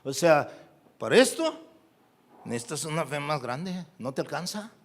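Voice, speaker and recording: A man with a Mexican Spanish accent preaching a sermon as a pastor, animated and full of rhetorical questions to the congregation. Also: fairly high pitch, normal speed. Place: church.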